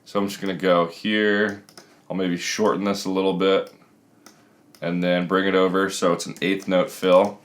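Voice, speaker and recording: A music production tutor in his thirties speaks casually from a small home room, breaking things down step by step. He talks at a moderate pace with a low voice and flat delivery.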